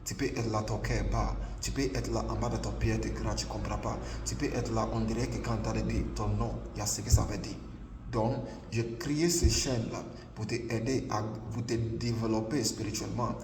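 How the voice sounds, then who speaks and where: Preaching online in an echoey hall, a Ghanaian prophet whose first language is English repeats himself emphatically and scatters "là" through every line. His voice is lowish and steady at a normal pace, picked up by a distant mic with faint ambience and background noise.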